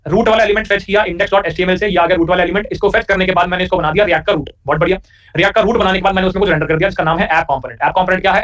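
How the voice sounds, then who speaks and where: Male coding teacher: very fast, fairly high, keeps asking the class questions, joking asides; distant, dull lo-fi mic. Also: a bit bright. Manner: rapid, repeats questions back to students, joking asides. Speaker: programming teacher. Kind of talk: live coding lecture.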